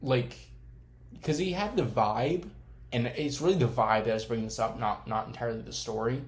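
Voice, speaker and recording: A young man co-hosting and editing a casual movie podcast, relaxed and joking, often restarting his words, recorded on his laptop microphone. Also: mid-range voice, normal speed. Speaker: podcast co-host and editor. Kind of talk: casual chat.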